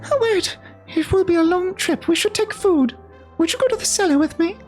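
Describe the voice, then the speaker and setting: A woman voicing a sweet young princess in a video game, high and girlish. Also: brisk, darkish tone, faint music behind. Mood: eager.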